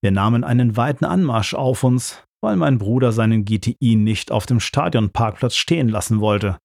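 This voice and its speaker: A man's voice: mid-range voice, expressive, moderate pace, gravelly, darkish tone, no echo. A man narrating an audiobook with dry, ironic storytelling.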